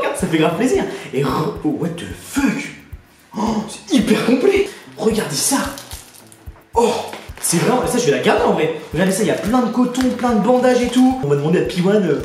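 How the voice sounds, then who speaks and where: Fast-talking eager man in echoey sound. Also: sits high, sing-song, darkish tone. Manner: eager, addresses viewers as friends. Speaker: YouTuber. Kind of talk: casual unboxing chat. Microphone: borrowed headset. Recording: echoey, distant headset sound with music.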